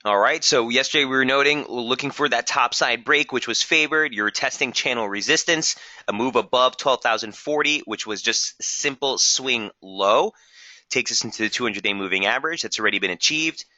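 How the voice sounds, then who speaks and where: A man hosting a live trading webinar, brisk and technical, losing his voice and clearing his throat now and then. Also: medium pitch, bright, forceful tone, no room sound, muffled recording. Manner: brisk, technical, addresses viewers as guys. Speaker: market strategist hosting a webinar.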